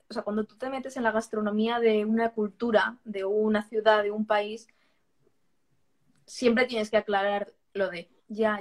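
A woman from Barcelona, a guest on a podcast, talking frankly in a casual conversation and often restarting words. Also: medium pitch. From Barcelona, Spain. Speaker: podcast guest, vegan author.

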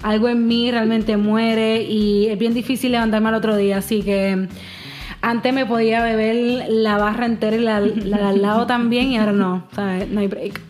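A woman's voice: a little high, flat delivery, normal speed, crowd noise. A thirty-year-old woman with a Puerto Rican Caribbean Spanish accent, chatting casually and slangily with English words mixed in. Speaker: podcast guest. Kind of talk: casual chat.

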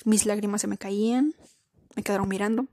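A woman's voice: mid-range voice, steady tone, brisk, warm tone, dry recording, studio quality. A woman in her thirties hosting a podcast, telling a personal story in a chatty way, speaking straight to her listeners and repeating words as she searches for them. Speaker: podcast host.

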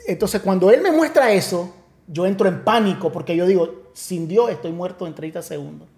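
Pastor recounting his conversion, warm low tone, stop-start storytelling. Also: normal speed. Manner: storytelling with many restarts, acts out quoted voices. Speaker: pastor, podcast guest. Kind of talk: emotional personal testimony.

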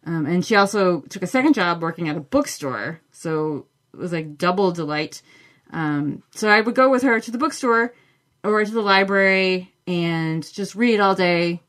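Chatty woman podcast host, lowish voice. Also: expressive, moderate pace, fairly bright tone. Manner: chatty and enthusiastic, with many fillers. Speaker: podcast host answering listener questions. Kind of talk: casual solo podcast talk.

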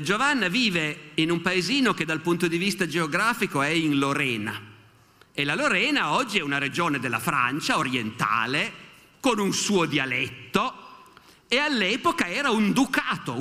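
Older male lecturer with a bright, lively voice, storytelling at a podium, with the long echo of a hall. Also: high-pitched, normal speed. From Italy. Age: 60s. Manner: lively storyteller, quotes historical witnesses in animated asides. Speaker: history lecturer. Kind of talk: public history lecture.

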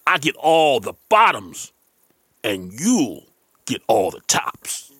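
A lazy, scheming male bear from a children's radio story. He talks slowly and sleepily, his pitch swooping wildly up and down. The voice is bright and dry against faint music. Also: sing-song, husky, no echo, heavily acted. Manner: drowsy, drawling, smug.

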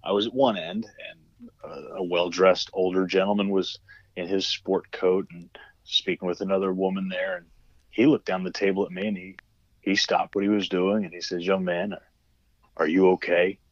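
A man's voice: low-pitched, fairly even intonation, moderate pace, dry recording, highs cut off. A man who writes novels, talking as a podcast guest in an earnest, emotional, reflective way. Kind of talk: casual podcast interview.

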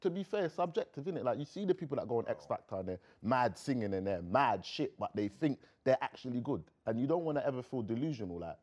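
A man's voice: mid-range voice, very animated, fast, hardly any pauses, a little mellow. A man with a London roadman accent, chatting casually in thick street slang. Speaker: rapper. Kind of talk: casual chat.

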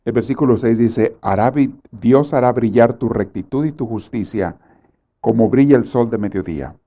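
A man preaching a sermon, swinging from soft asides to loud, pleading prayers he acts out. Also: medium pitch, moderate pace, muffled recording.

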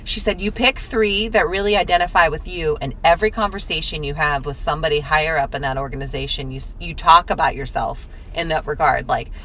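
A woman's voice: deep voice, brisk, few pauses, pushed and bright, slight background noise, low-quality recording. A young woman co-hosting a podcast, casually retelling a story and quoting people in their own voices. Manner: laughs easily, retells stories in quoted voices. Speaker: podcast co-host. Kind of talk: casual chat.

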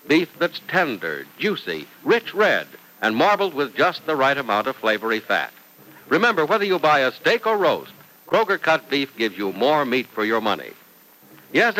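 A man's voice: mid-range voice, bright, forceful tone, poor audio. A man speaking as an old radio announcer, reading scripted narration and ads with emphatic, dramatic salesmanship. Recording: old radio broadcast recording.

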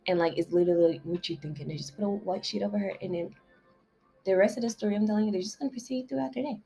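A woman's voice: medium pitch, rapid-fire, creaky, mellow, faint music behind. A woman casually retelling a novel's plot, rambling along with constant fillers like "like" and "you know". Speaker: book summary vlogger. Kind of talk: casual story recap.

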